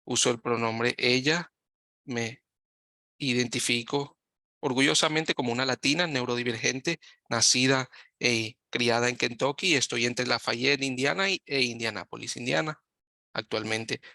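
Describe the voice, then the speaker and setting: A man giving live Spanish interpretation of a webinar over a video call, talking in halting phrases and often correcting himself mid-sentence. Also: mid-range voice, gravelly, sharp tone, dry recording, studio quality. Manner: halting, with frequent self-corrections.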